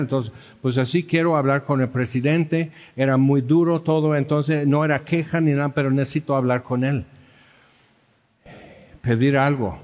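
A man's voice: fairly high pitch, long reverb tail, dull audio. A man preaching a sermon, telling stories and acting out the quotes in them. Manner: storytelling with acted-out quotes. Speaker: pastor.

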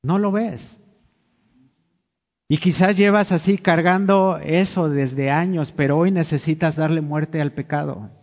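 Pastor guy preaching, chatty, keeps asking the crowd stuff, kinda high voice, muffled with long hall echo. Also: steady tone, measured pace, darkish tone. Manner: conversational, asks the congregation questions. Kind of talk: sermon. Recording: dull sound with long hall reverb.

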